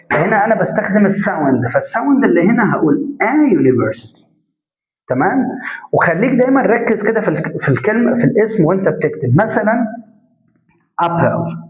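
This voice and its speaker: Egyptian teacher, echoey lo-fi classroom sound. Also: male voice, high-pitched, very animated. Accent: Egyptian Arabic. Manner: explains step by step, asks students questions and answers them himself; drawn-out spoken examples. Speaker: English grammar teacher. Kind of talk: classroom-style grammar lesson. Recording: echoey room, dull lo-fi sound.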